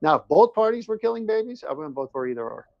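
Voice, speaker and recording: This man, Iranian-born and brought to the United States at seven, talks fast in a somewhat high, sing-song, gravelly voice. In casual conversation he gives personal testimony and opinion at length, earnest and emphatic, often repeating phrases. The recording is dry, with the highs cut off.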